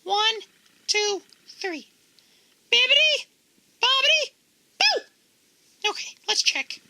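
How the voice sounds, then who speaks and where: A performer with a woman-sounding, squeaky voice voicing a small, timid but cheerful monkey puppet who hosts a children's show with kids party magician patter. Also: a little slow, vocal fry, noisy background, full character voice. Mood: excited, playful.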